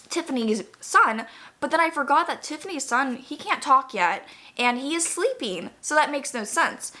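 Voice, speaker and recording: A young woman with a fairly high, very bright voice tells a spooky personal story. She is casual and chatty, wandering through her sentences and leaning often on "like". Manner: chatty, rambling, peppered with "like".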